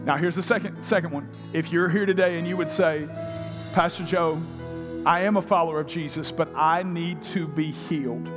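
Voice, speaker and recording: A man's voice: on the high side, fairly even intonation, normal speed. A man preaching a sermon as pastor, telling a story and leading an altar call, with music behind. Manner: storytelling, shouting quoted lines, then altar call. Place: large church auditorium. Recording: live church hall with music behind.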